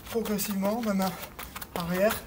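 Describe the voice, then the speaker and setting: Doing the cardio routine alongside his listeners, a male fitness coach gives instructions in a high-pitched, steady voice at normal speed. Fillers and hesitations run through his talk as he counts the beats, calls for more speed and breathes a little hard. Clicks and noise mar the recording.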